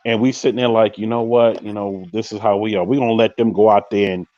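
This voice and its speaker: Dull-sounding man telling animated street stories. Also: fairly low pitch, quick pace, no room sound. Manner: animated storytelling, acts out quotes, slangy. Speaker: podcast host. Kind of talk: casual live-stream chat.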